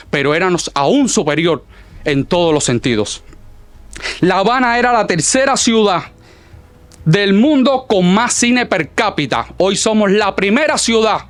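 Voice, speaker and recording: A man's voice: high-pitched, expressive, unhurried, no echo. A man with a Cuban accent delivering a formal political speech in a solemn, declamatory manner, partly from a script. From Cuba. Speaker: political speaker at an exile inauguration.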